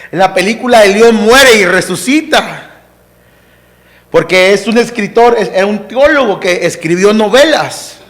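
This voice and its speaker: A man preaching a sermon as pastor, who shouts out scripture and then drops to a hushed, slow voice, calling the congregation "hermano" and "amado". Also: high-pitched.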